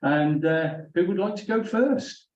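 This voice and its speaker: A man's voice: on the high side, animated, measured pace, darkish tone. A man chairing a formal council meeting, courteously taking it through procedure item by item, recorded in a meeting room. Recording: roomy, distant, dull meeting-room recording.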